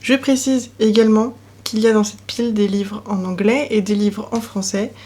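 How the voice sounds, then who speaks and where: Breathy young woman chatting about books. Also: medium pitch, steady tone, moderate pace. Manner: chatty, with soft trailing asides. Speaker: book vlogger. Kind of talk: casual chat presenting books. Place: at home in front of bookshelves.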